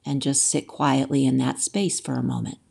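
A woman instructor leading a yoga and breathwork class in a gentle, measured way, leaving pauses between short instructions. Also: very deep voice, little pitch movement, creaky, slightly rough.

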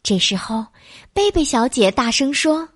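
A woman narrating a children's bedtime story in a soft, coaxing way, calling the listener baby. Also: high-pitched, expressive, unhurried, husky, no echo, studio quality.

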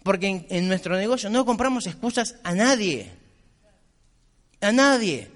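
A man's voice: sits high, sing-song, a little slow, a bit bright. A man, a business mentor giving a blunt, insistent motivational speech. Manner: blunt, insistent, repetitive exhortation. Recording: long reverb of a hall.

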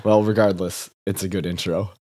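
A man's voice: sits low, steady tone, moderate pace, dark tone, no echo, clean studio sound. A man with a stuffy nose from a cold, chatting casually as a podcast co-host and often laughing at himself. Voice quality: nasal. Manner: self-deprecating, laughs often. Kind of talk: casual chat.

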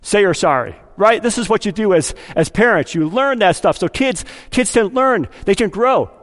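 A man's voice: high-pitched, lively intonation, normal speed, a bit bright, big-room sound. A man preaching a sermon as pastor of a church, talking conversationally, acting out quoted voices and asking his congregation questions. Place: church sanctuary.

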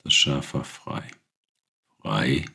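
A man narrating a storybook fable in a slow, deliberate reading voice that is gravelly and husky. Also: extremely low pitch, steady tone, a bit bright.

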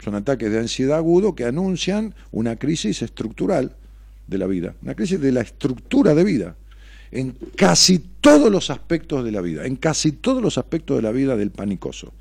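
A middle-aged Argentine host, speaking Rioplatense Spanish, reads messages on his radio call-in show and shoots back provocative, sarcastic answers laced with profanity. His mid-range voice is sing-song and a little fast, with vocal fry, a slightly rough and somewhat mellow quality, and a dry recording.

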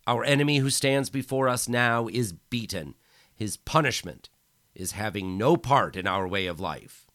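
A man voicing a cruel male tyrant who gives booming, theatrical speeches to a crowd, in an audiobook. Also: slow pace, no room sound, clean studio sound. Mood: bellowing.

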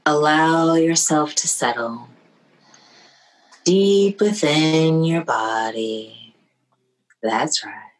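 A woman leading a guided meditation in a slow, soothing, hushed way, often dropping to a near whisper. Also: deep voice, rough recording.

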